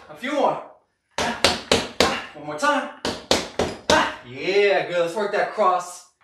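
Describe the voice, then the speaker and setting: High-pitched male boxing coach in noisy echoey garage. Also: distant mic. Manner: short punchy cues while punching a bag; encouraging. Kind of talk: live workout instruction. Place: garage gym, indoors, camera several metres away.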